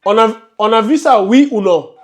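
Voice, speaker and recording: Higher-voiced man scolding a class. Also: animated, moderate pace. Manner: questions students by name, scolding and insistent. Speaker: Quran recitation teacher. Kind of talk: live classroom lesson.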